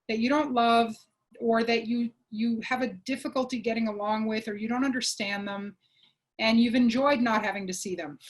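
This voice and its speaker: A woman giving an online workshop presentation, explaining clearly and checking in with her listeners with a frequent "okay?". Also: fairly high pitch. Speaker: webinar presenter.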